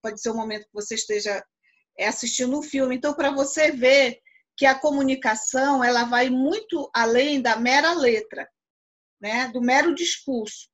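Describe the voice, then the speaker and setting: A woman's voice: high voice, moderate pace, a bit bright. A Brazilian Portuguese woman teaching philosophy over a video call, explaining patiently and checking understanding often. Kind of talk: live online class.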